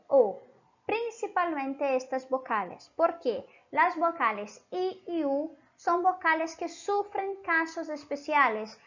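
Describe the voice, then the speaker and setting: A woman's voice: high voice, a bit bright, highs cut off. A woman teaching Spanish to Portuguese speakers, whose first language is Portuguese, who keeps checking in with "¿sí?" and "entonces". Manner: switches between Spanish and Portuguese. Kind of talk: online language lesson.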